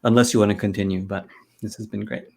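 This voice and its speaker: A man's voice: on the low side, fairly even intonation, fast, creaky, a little mellow. A man hosting a casual live-stream chat, teasing his co-host and reading out viewer questions. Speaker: host, photographer.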